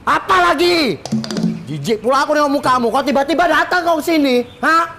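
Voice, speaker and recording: A woman with a Medan accent playing a sharp-tongued, bossy middle-aged woman who scolds and complains bluntly. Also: sits high, animated, brisk, faint music behind. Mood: scolding. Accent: Medan Indonesian. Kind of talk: comedy web drama acting.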